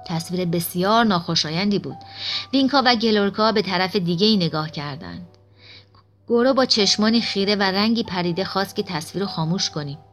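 A woman narrating a story in steady, expressive storytelling. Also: medium pitch, soft background music. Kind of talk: audiobook narration.

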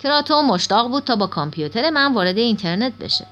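A woman reading a first-person children's story aloud at a steady pace. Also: on the high side. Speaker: audiobook narrator.

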